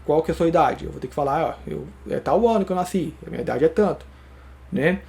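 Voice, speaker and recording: A man's voice: on the high side, lively intonation, quick pace, vocal fry, warm tone. A man gives a reflective spiritual talk, answering viewer questions and thinking aloud with frequent tag questions. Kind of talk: reflective spoken monologue.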